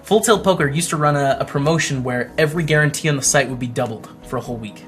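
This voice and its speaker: A poker streamer hosts a casual vlog, reading his old blog posts aloud and tossing in wry, chatty asides. He talks fast in a fairly bright voice on the high side, with faint music behind him.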